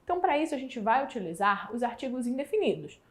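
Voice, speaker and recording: A woman from Brazil with a Brazilian Portuguese accent, teaching an exam prep English lesson and slowly stretching out the example words. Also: on the high side, big pitch swings.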